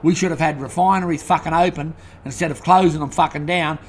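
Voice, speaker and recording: Australian man, high-pitched voice, angry rambling rant, constant swearing. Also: fairly even intonation, fast talker, slight background noise. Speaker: host. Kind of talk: profane rant to camera.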